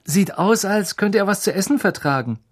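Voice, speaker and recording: An excitable schoolboy from an audiobook, voiced by a man, a little higher and louder than the narration. He blurts out his words with animated rise and fall. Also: normal speed. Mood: eager. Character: loud, excitable teenage schoolboy.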